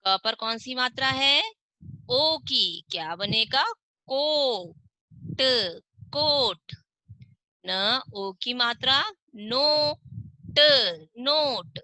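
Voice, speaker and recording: A woman teaching young children online, with a Hindi accent, reading words slowly syllable by syllable and asking questions she then answers herself. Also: a little high, lively intonation, bright, forceful tone, no room sound, rough recording. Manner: slow, drawn-out syllable-by-syllable reading. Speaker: primary school teacher. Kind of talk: online class lesson.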